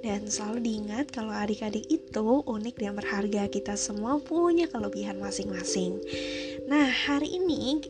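A woman hosting a bedtime story podcast for children, talking to them in a bright sing-song manner. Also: mid-range voice, normal speed, few pauses. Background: music.

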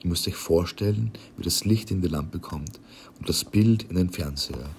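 Brief: tiny fat king, proud and musing, deep low voice, read by a man. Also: normal speed, creaky, slight background noise. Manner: calm, musing, explaining. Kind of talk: audiobook character reading.

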